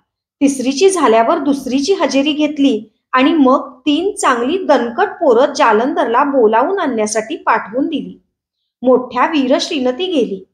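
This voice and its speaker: A woman host reading a short story aloud in a clear, measured storytelling manner. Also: high voice, roomy sound.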